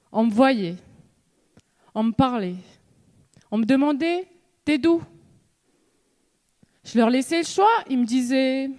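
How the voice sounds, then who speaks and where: Young woman, high and dark-toned, slow. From New Caledonia. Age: young adult. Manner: slow measured delivery with dramatic pauses; rhetorical questions and repeated refrains. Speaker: student contestant. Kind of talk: eloquence contest speech. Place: stage in a hall before an audience.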